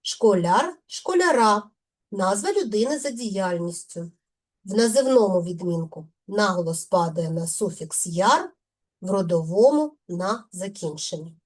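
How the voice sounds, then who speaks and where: A woman's voice: medium pitch, expressive, measured pace, darkish tone. A middle-aged woman teaching a grammar lesson, speaking carefully and stressing each example word.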